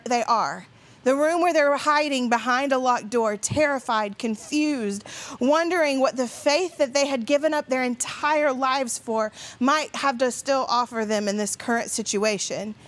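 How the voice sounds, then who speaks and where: A middle-aged woman pastor preaching in a conversational storytelling way, with many fillers. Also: high-pitched. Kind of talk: sermon.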